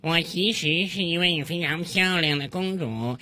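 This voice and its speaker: Casting: pleading frog princess in a storybook joke, bright, sharp tone, played by a man. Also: fairly high pitch, measured pace, dry recording, pitched above the performer's own voice. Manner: pleading, insistent. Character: frog claiming to be a pretty princess.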